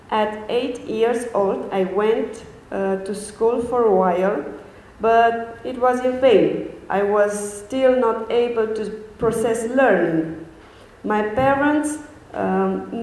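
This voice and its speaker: A young woman tells her faith story in English, earnest and careful, pausing on fillers. Her voice sits a little high and moves slowly. The sound rings with echo and a long hall reverb. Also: darkish tone. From Romania. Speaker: speaker giving a testimony. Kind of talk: personal faith testimony.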